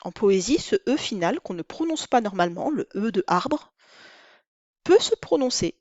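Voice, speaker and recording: A woman teaching a lesson on counting the syllables of verse, with a clear, deliberate delivery. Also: mid-range voice, big pitch swings, a little mellow, no echo, dull audio. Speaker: French teacher. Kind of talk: recorded lesson.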